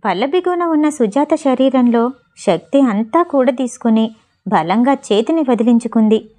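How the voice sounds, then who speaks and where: A woman narrating a storybook tale with steady, expressive pacing. Her voice sits a little high but warm and mellow, never sharp. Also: moderate pace. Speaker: audiobook narrator.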